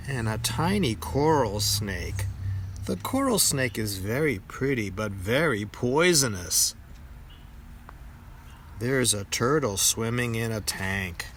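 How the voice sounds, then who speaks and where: An older man with a grandpa voice reads a children's picture book aloud in a deliberate storytelling manner. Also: medium pitch, sing-song, fairly bright tone, a little hiss or hum.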